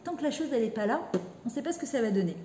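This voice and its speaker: A middle-aged woman teaches a religious lesson in an earnest, heartfelt way, sprinkling Hebrew terms through her speech. Her voice sits a little high but sounds mellow and soft-edged. The room around her rings with echo. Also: animated, rapid-fire, slight background noise.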